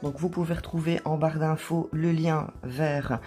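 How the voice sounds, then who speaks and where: A woman hosting an art journal tutorial, explaining each step calmly, with occasional hesitations. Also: low voice, unhurried. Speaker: craft tutorial host.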